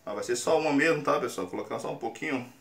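This screen printing channel host, a Brazilian man in his thirties, speaks in a mid-range, fairly bright, creaky voice at a racing clip. Even so, he patiently walks through each step of printing in his small workshop. A camera on a tripod several meters away picked him up, leaving a roomy, faraway sound with a little noise.

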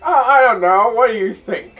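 Excitable young man reacting at home. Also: very high voice, moderate pace, distant mic, muffled recording. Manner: excitable, loud outbursts, restarts mid-sentence. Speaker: reaction video host. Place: small indoor room at home. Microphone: headset.

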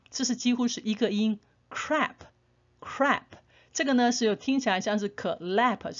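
A woman teaching English pronunciation in Taiwanese Mandarin, patient and encouraging, repeating example words slowly. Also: medium pitch. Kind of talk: phonics lesson with slow drawn-out example words. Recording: slightly dull lo-fi sound.

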